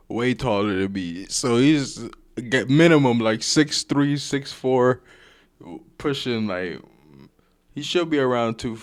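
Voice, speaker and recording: Slow, slangy man reacting on stream. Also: mid-range voice. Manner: loose slangy drawl, frequent "bruh" and "like". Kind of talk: casual reaction commentary.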